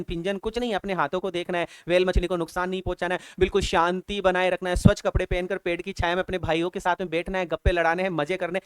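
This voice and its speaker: A man's voice: high voice, smooth, no echo. A man with an Indian English accent teaching an exam-prep lesson, repeating key answers over and over and calling students brother and child. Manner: repetitive drilling, calls students "bhaiya" and "beta".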